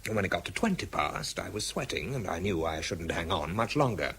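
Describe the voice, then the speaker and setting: This English actor voices a drink-troubled, embittered, world-weary character, narrating and speaking tersely for a radio drama. He pitches low yet sing-song, talking fairly quickly in a slightly rough, somewhat bright tone that is heavily acted. Weariness and tension color the performance, which stays dry, terse, and understated.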